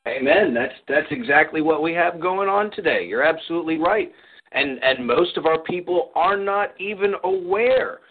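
A man with a husky voice, talking as a call-in show co-host. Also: fairly high pitch, animated, moderate pace. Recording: narrow phone-like line.

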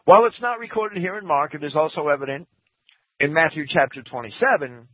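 Speaking briskly, a man lectures in a Bible commentary, reading scripture aloud with lively pitch. He's a Bible teacher heard on a tinny, phone-like radio broadcast with no room sound.

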